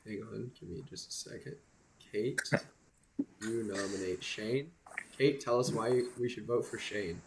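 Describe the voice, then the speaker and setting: A man's voice: fairly low pitch, measured pace, vocal fry, heavy background noise. A man acting as game storyteller, announcing votes and nominations to the players. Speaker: storyteller running a social deduction game.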